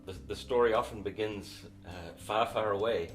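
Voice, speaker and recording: A middle-aged New Zealand missionary and author, speaking with a New Zealand accent, tells his story in an interview. He is reflective and unhurried with small restarts, and his lowish voice comes through poor audio with faint music behind.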